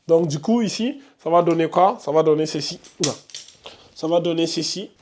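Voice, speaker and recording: Man, fairly high voice, patient teacher, repeats and hesitates. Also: normal speed, a little mellow, a little hiss or hum. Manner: patient, repeats himself, many filler "donc" and "euh". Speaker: Quran reading teacher. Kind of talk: casual beginner lesson at a whiteboard.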